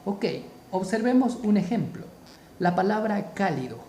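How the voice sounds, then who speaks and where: A man teaching a spoken grammar lesson, slow and deliberate, repeating key terms for emphasis. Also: high-pitched, sing-song, a little mellow, reverberant, slight background noise.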